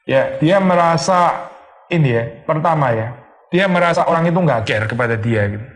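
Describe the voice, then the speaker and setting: Conversational preacher mixing in English phrases. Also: male voice, on the high side, lively intonation, moderate pace. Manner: acts out complaining voices. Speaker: pastor. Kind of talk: sermon.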